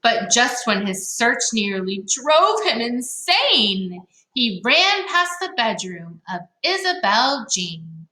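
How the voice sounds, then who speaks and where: With a bright, forceful, medium-pitched voice, a woman gives an expressive picture-book reading for children. She's dramatic and playful and chats with her listeners along the way. The room echoes noticeably.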